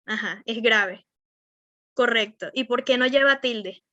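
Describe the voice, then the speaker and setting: A young woman teaches an online class in a Venezuelan accent. Her voice sits a little high and sounds bright and sharp, with plenty of fillers and constant check-ins with the students. The dry, dull lo-fi audio has no room sound. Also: a little slow, no room sound. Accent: Venezuelan Spanish. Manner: rambling, many fillers like "o sea" and "este". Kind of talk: online class on verbal skills.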